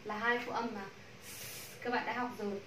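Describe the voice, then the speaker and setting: A woman with a Vietnamese accent teaching English pronunciation to a class, modeling sounds slowly and repeating drills. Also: fairly high pitch, flat delivery, distant mic. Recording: echoey room, from the mic, faint noise.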